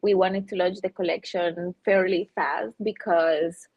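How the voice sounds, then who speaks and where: Born in Russia and having lived in Colombia, this NFT artist chats loosely and enthusiastically as an interview guest. Her lowish voice stays steady and unhurried, and the lo-fi audio sounds dull.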